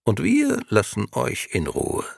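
A man's voice: huge pitch swings, slow pace, creaky, no room sound, clean studio sound, heavily acted. A man voicing a cold, disembodied menacing voice that coaxes and threatens by turns. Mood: coaxing. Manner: coaxing, then shrill and commanding.

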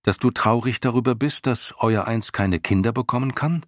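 Bastian, a man doing a gentle young boy. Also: medium pitch, moderate pace, no room sound, clean studio sound, pitched above the performer's own voice, natural voice. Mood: tender. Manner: earnest, soothing, softly whispering at times.

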